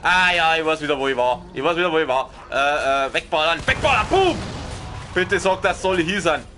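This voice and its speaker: A man with a Bavarian accent doing excited, swearing let's play commentary on a horror game, often yelling and yelping. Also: a little high, fairly quick, slight background noise.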